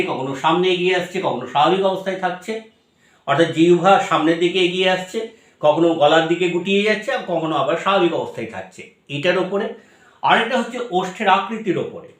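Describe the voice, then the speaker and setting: A man with a Bengali accent giving a lecture to students, explaining step by step with frequent pauses and fillers. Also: high voice, reverberant.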